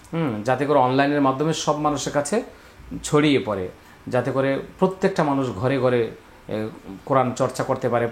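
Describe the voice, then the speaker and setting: A man teaching Quran reading step by step. He spells out letters and vowel marks, then recites the words in long drawn-out chanting, and speaks directly to viewers following along. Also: medium pitch, roomy sound, a little hiss or hum. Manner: addresses viewers directly, asks them to repeat along.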